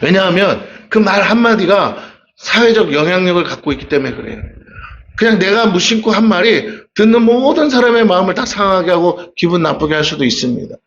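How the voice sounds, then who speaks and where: A man's voice: high-pitched, very animated, fairly quick, a bit bright, dull audio. A man with a Gyeongsang accent preaching a sermon in a church, talking conversationally and asking the congregation rhetorical questions. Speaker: pastor. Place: church sanctuary.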